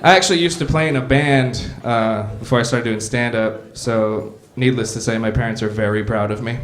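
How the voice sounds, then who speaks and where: A man's voice: medium pitch, normal speed. A male stand-up comedian telling profane, laid-back stories on a comedy club stage into a stage microphone. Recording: reverberant club room.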